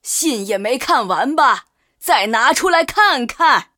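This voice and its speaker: A woman voicing an older mother and grandmother in a children's storybook, chiding her daughter in a slow, soothing way. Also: high-pitched, lively intonation, sharp tone, pitched below the performer's own voice, full character voice. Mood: fond.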